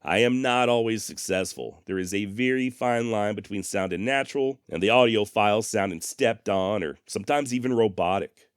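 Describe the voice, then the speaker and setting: At a normal speed, a man hosting a podcast chats informally with listeners in a deep, clear, resonant voice, mixing blunt emphasis with mild profanity. The sound is dry, coming from a processed dynamic studio microphone placed close to him.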